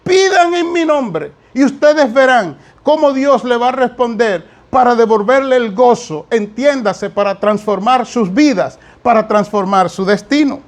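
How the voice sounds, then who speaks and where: A man's voice: extremely high pitch, expressive, measured pace, hardly any pauses. A male pastor preaching a sermon, emphatic and repetitive, often telling the congregation to listen well.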